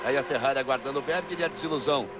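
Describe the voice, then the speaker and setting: A man's voice: mid-range voice, rapid-fire. A man with a Brazilian accent working as a motorsport commentator, calling a race live. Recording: dull lo-fi broadcast, loud engine noise. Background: loud racing cars and trackside noise.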